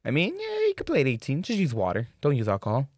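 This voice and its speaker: A man's voice: mid-range voice, huge pitch swings, fast, a little mellow, no echo, clean studio sound. A young man co-hosting a podcast in easygoing, joking casual chat. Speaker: podcast co-host.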